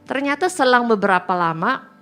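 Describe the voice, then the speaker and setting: A woman's voice: a little high, animated, fairly quick, a bit bright. Chatty middle-aged woman telling stories. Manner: chatty, storytelling with quoted dialogue. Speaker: pastor's wife, guest. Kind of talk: casual testimony chat.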